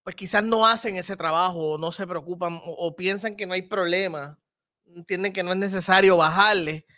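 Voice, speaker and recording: High-voiced Puerto Rican man, thoughtful. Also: fairly even intonation, moderate pace, pushed and bright, dry recording, studio quality. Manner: thoughtful, hedging, mixes English words into Spanish. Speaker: podcast guest, comedian and film critic. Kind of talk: casual conversation.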